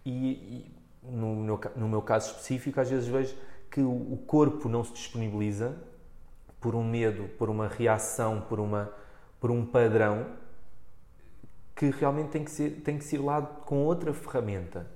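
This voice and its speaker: A man's voice: medium pitch, fairly even intonation, normal speed, dark tone. A man with a European Portuguese accent in casual podcast conversation, thinking aloud with hesitant restarts. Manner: hesitant, thinking aloud, acts out clients' remarks. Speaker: interviewer and body practitioner. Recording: echoey room.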